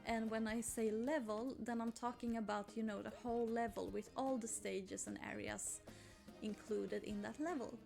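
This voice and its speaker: A young Swedish gaming YouTuber rambles through casual let's play commentary in a Swedish accent, faint game music behind her. Her slightly high voice is gravelly and a little mellow, fairly even in intonation and moderately paced. She often apologizes and squeals over cute things.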